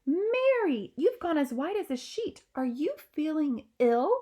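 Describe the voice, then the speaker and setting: In a high-pitched, very animated voice pushed up from her natural register, a woman voices an elderly queen from a storybook, unhurried and warm. The grand queen is easily alarmed, sounding alarmed and refined, and speaks in posh, exclamatory, refined phrasing.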